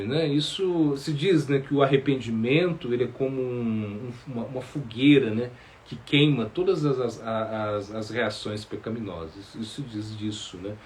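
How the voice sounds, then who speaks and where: Halting spiritual teacher. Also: male voice, medium pitch, a little mellow, a little hiss or hum. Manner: halting, many fillers and repeated words. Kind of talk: sermon answering questions.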